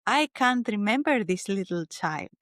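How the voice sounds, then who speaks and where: A woman with a Greek accent, a spiritual teacher speaking as an interview guest in a gentle, searching way with frequent restarts. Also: medium pitch, animated, a little slow, no echo, clean studio sound. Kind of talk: reflective interview talk.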